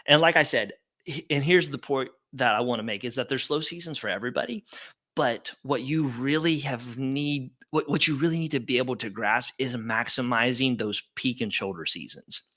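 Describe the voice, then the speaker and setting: Upbeat casual man with a bright voice. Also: medium pitch, moderate pace. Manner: casual, upbeat, conversational with fillers. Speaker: webinar presenter. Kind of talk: live webinar with audience Q&A.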